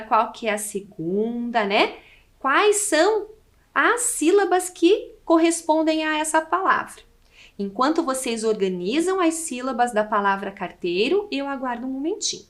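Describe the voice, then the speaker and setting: A Brazilian woman teaching a televised class to children, slow and patient, asking the class questions as she goes. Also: fairly high pitch, fairly bright tone. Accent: Brazilian Portuguese.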